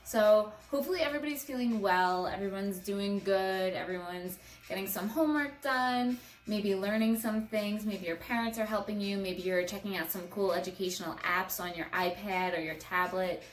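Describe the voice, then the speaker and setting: A woman's voice: mid-range voice, normal speed. A woman teaching a guided yoga class for children at home, talking in a friendly, encouraging way. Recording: echoey room, mic at a distance.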